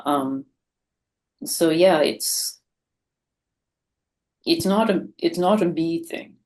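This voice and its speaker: A woman's voice: on the low side, extremely slow, darkish tone. A woman who is a priest, telling stories candidly and wryly with frequent laughter, speaking over a video call. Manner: candid, self-deprecating storytelling with laughter. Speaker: Anglican priest. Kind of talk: webinar conversation.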